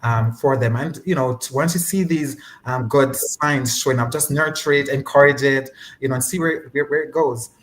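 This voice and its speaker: A man, a physician on a panel, speaking in a measured, hesitant way with many pauses and restarts. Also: medium pitch, low-quality recording. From Jamaica. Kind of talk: casual panel discussion.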